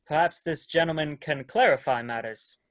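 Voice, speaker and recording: A male actor gives a lightly acted dramatic reading of science fiction, playing a courtly, earnest leader of a space expedition in a formal, old-fashioned, oratorical manner. His voice is a little high and comes at normal speed, with clean studio sound and no echo. He sounds courteous and puzzled.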